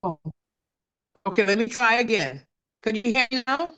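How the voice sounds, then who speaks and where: A woman's voice: fairly high pitch, lively intonation, moderate pace, a bit bright. A woman calling into an online church meeting over a video call. Her connection is bad and her voice breaks up, and she talks hesitantly and restarts her sentences. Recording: dull lo-fi video call audio.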